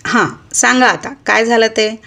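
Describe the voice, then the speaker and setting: A woman's voice: on the high side, a little slow, vocal fry, pushed and bright, exaggerated voice. A woman voicing a smart young male police officer in charge, firm and commanding.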